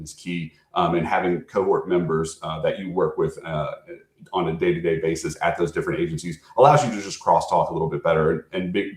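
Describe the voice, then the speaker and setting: An American man giving an informal recruiter pitch as a program manager, talking conversationally and often checking in with his listeners. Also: darkish tone. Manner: conversational, frequently checking in with "right?". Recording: echoey, roomy sound.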